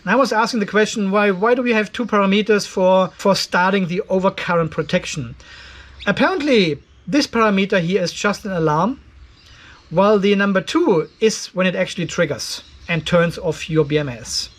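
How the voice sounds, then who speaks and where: A man in his fifties with a high-sitting voice talks at a normal speed, hosting an off-grid solar channel. In a cluttered garage workshop, he gives a casual explainer vlog to camera, walking through things step by step and openly criticizing.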